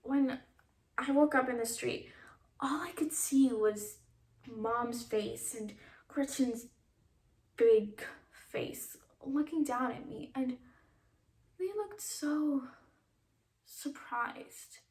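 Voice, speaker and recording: A young woman playing a sharp-tongued, self-assured teenage queen bee in a sardonic, blunt comic monologue. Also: high voice, animated, slow pace. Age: young adult. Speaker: student actor. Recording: echoey room.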